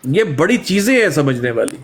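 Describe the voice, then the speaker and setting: A man recounts his experiences in a relaxed interview, slipping into other people's voices as he retells conversations. A faint hiss sits under the recording. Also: fairly high pitch, moderate pace. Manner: animated storytelling, acting out quoted exchanges. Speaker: guest.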